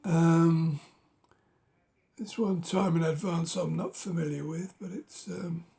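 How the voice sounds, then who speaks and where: A hoarse, middle-aged man with a cold, a book collector vlogger, ambles slowly through a casual show-and-tell of books, halting on many ums and uhs. His gravelly, creaky voice is fairly high with a steady, dark tone, and it often sinks into a breathy whisper.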